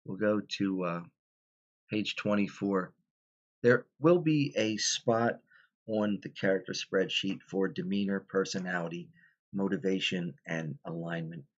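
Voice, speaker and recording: A man with a very low voice talks through a tabletop game tutorial in a loose, rambling way, full of ums and restarts. He sounds tired, as if holding back yawns. The recording is dull and lo-fi. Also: slow pace. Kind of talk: casual explanatory tutorial.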